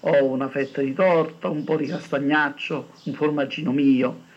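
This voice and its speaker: A fussy, prying mother questions her son in a plain, slightly high voice, as a man puts her on. A gravelly rasp sits under it, on a dull, lo-fi recording. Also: steady tone, moderate pace, a little hiss or hum, natural voice. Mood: fussing. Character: worried middle-class mother, fussing over her son.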